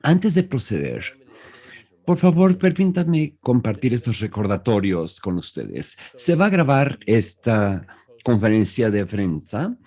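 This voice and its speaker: A man working as a live interpreter for an online press conference, with a mellow, dark tone. His pitch moves in a lively way as he goes, and he often stops to restart words and fill gaps with hesitations. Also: slightly rough. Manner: halting, with restarts and fillers. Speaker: simultaneous interpreter.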